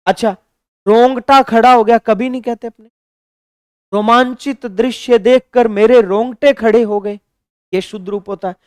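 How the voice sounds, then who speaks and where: A man teaching a Hindi grammar lesson for exam preparation. He reads example sentences slowly, then corrects them emphatically. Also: very high-pitched, fairly even intonation, clean tone, no room sound. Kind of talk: exam-prep grammar lecture.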